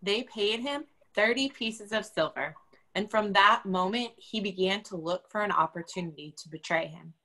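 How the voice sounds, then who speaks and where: A woman's voice: mid-range voice, moderate pace, pushed and bright, poor audio. A woman giving a dramatic reading of scripture as a church reader. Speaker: church lay or clergy reader.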